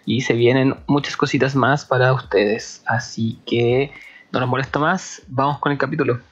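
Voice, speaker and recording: A man's voice: medium pitch, fairly even intonation, moderate pace, husky, highs cut off. A man hosting his own podcast, introducing a guest he admires and chatting with enthusiasm. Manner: eager, enthusiastic, warm fan. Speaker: podcast host. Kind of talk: casual podcast intro and interview.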